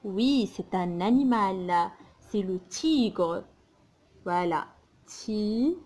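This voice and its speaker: A woman teaching a children's phonics lesson, slowly and patiently spelling out sounds and syllables. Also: medium pitch, animated, darkish tone.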